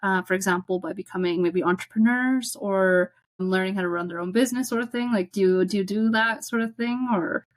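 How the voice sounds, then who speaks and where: A woman's voice: medium pitch, a little fast, few pauses, dry recording. A woman from Calgary, hosting an interview and asking long, winding questions full of fillers. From Calgary, Canada. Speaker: interviewer, docuseries host.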